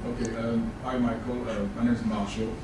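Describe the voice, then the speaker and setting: A man's voice: medium pitch, flat delivery, a little fast. Echoey, distant Ivorian-accented man asking questions. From Côte d'Ivoire. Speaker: audience member asking questions. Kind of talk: formal multi-point question from the floor. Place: echoey room at a public talk. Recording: very echoey, distant, noisy room pickup.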